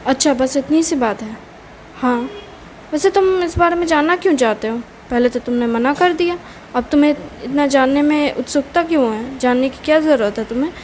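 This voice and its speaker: A woman's voice: high-pitched, measured pace, pauses often, dark tone, slight background noise. Woman voicing a meddling chatty friend. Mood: needling.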